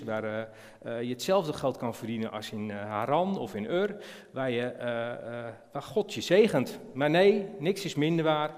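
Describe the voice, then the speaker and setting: Dutch guy preaching casually, lots of uhs, bit high voice, long church echo. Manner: chatty, hesitant, many fillers, asks the audience questions. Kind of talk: informal sermon. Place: church hall.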